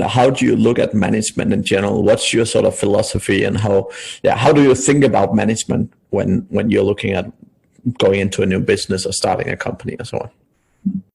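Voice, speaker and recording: Gravelly-voiced male podcast host. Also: on the low side, darkish tone, low-quality recording. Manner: jokey, asks rambling questions. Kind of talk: casual interview.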